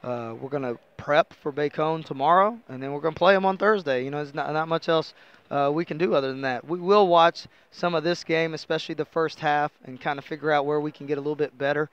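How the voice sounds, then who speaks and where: Here a middle-aged American basketball coach talks at a quick pace in a smooth, somewhat high voice, heard through a muffled recording. During his postgame interview at an indoor arena table on a headset mic, he explains things conversationally and says "you know" often.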